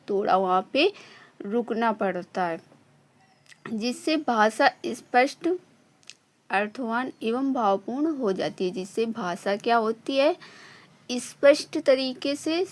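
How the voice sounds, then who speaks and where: Slow, patient woman teaching a lesson. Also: fairly high pitch. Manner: slow, repeats points and checks in with "ठीक". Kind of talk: slow online lesson explanation.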